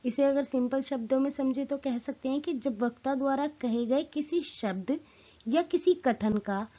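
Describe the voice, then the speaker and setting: High-voiced woman teaching a grammar lesson. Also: darkish tone, lo-fi sound. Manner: clear, explanatory, acts out example lines with emphasis. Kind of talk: Hindi grammar lesson narration.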